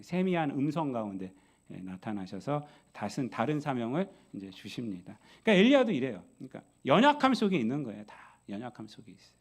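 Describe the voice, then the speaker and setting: A man preaching a sermon as pastor, telling Bible stories in a lively way and acting out their voices with many rhetorical questions. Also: medium pitch, quick pace.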